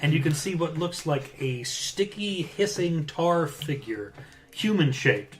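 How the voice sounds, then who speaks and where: A man's voice: fairly high pitch, animated, measured pace, slight background noise. A man narrating an improvised tabletop game as game master, searching for words as he goes.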